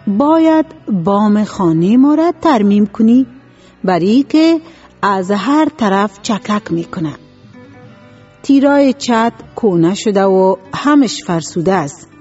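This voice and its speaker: A woman's voice: medium pitch, mellow, breathy edge, lo-fi sound. A woman doing a nagging village wife. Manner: nagging, complaining.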